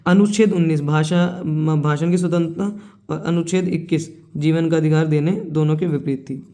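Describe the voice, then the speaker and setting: A woman's voice: deep voice, steady tone, moderate pace, mellow. A young woman teaching an exam coaching lesson in a chatty, informal way, speaking straight to her students and teasing them now and then. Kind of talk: informal online lecture.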